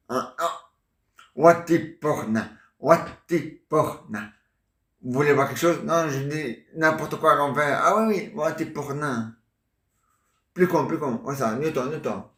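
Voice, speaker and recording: A man retelling and acting out a stage comedy in a halting, playful way, full of restarts. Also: a little high, a bit bright. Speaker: theatre amateur. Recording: roomy sound from a distant mic.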